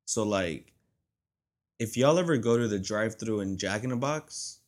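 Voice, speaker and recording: A young man co-hosting a casual podcast chat, telling stories in a relaxed way and imitating people's voices in his anecdotes. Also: fairly low pitch, moderate pace. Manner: laid-back storyteller, mimics voices in anecdotes. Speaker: podcast co-host.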